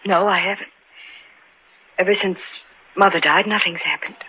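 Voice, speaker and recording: A woman's voice: lowish voice, steady tone, moderate pace, slightly rough. An actress playing a grieving, frightened young woman in an old-time radio drama, earnest and emotional. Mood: worried, sad. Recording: noisy, dull old-time radio recording.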